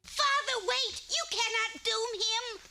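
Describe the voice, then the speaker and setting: Very squeaky-high cartoon princess. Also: female voice, slow pace, bright, forceful tone, full character voice. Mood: pleading. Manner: gushing, melodramatic.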